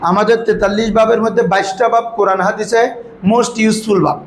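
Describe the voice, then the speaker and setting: Leading an Arabic grammar lesson, a high-voiced man fires off questions at a quick pace and in a level tone, calling his students "babara" and having them repeat the answers back. The classroom is echoey, with faint background noise behind him.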